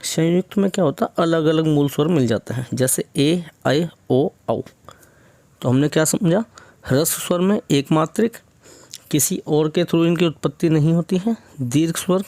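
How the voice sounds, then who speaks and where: A young man teaches an exam-prep grammar lesson with a slightly raised pitch. He breaks each point into small steps, sprinkles in English words and keeps checking in with the listener. The recording is dry, with no room sound. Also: moderate pace, mellow, no echo. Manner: explains step by step, often says "theek hai"; mixes English words into Hindi.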